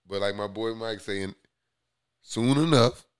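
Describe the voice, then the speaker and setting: A man's voice: lowish voice, a little slow, clear, resonant tone, no room sound, clean studio sound. A laid-back man in his thirties, co-hosting a casual basketball chat in slangy, rambling talk.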